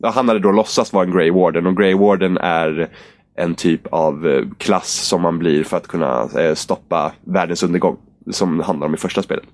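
A man's voice: low-pitched, dry recording. A man in casual chat, telling a long gaming story animatedly and acting out the characters' lines.

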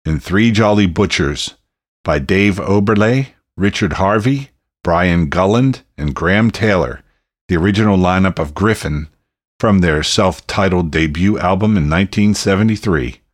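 A male podcast host who announces tracks and asks questions in a measured, polite way. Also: sits low, dry recording, clean studio sound. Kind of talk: radio-style interview hosting.

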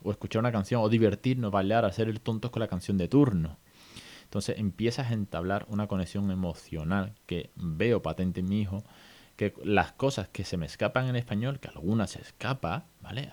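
A middle-aged man with a Spanish accent from Spain, hosting a podcast in a casual, lively monologue, full of restarts and quick checks with his listeners. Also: lowish voice. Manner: lively, chatty, many restarts and "¿vale?" checks. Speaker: podcast host.

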